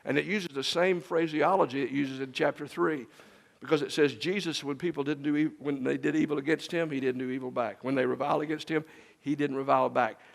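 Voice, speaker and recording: Gravelly storytelling preacher man. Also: on the high side, fairly quick. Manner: animated storyteller who acts out dialogue. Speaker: guest preacher. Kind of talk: sermon. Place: church sanctuary.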